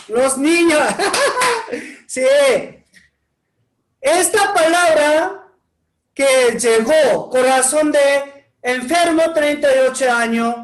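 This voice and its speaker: A man preaching as a pastor to children, speaking slightly broken Spanish and slowly calling on groups of children to shout back. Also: extremely high pitch, roomy sound, rough recording. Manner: slow, encouraging, calls on groups of children.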